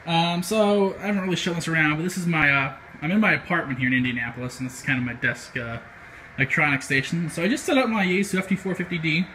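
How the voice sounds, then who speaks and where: An American man vlogs casually about amateur radio from a small apartment room, a little hesitant yet talking fast in a fairly high, pushed, bright voice. The handheld camera mic gives a low-quality recording with clear background noise.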